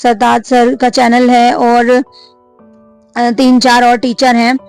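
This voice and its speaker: A woman's voice: a little high, completely flat delivery, slow pace, a little mellow, clean tone, faint music behind. A woman in her thirties, a vlogger and mother, chatting casually to camera, many fillers, and a complaining tone.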